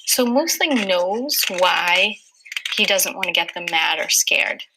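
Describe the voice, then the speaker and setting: A woman teacher leading a small-group reading lesson with young children, asking patient, slow questions. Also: fairly low pitch, animated, noisy background.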